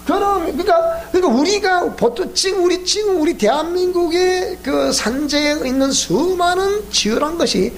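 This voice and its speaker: A man's voice: very high-pitched, normal speed, hardly any pauses, a little hiss or hum. A man with a Gyeongsang accent, a pastor giving a sermon lecture, telling stories with animation and asking his listeners questions. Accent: Gyeongsang Korean. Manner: animated storytelling, questioning the audience. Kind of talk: sermon lecture at a Bible school.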